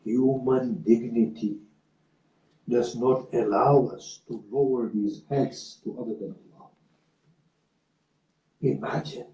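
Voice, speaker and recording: A man giving a sermon, speaking in a measured, slow and emphatic way and telling a story. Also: medium pitch, dark tone. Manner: measured, slow emphatic delivery with rising passion in quotes. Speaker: religious speaker. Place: community centre hall. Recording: roomy hall from far off.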